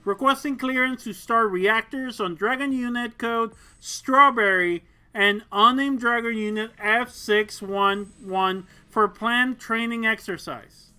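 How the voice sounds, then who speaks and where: A reader doing a brisk, confident lieutenant. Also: female voice, medium pitch, animated, a bit bright, close to an everyday voice. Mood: formal. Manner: crisp, assured, reassuring command tone. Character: brisk confident young woman squadron lieutenant. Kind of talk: audiobook reading of a mecha story.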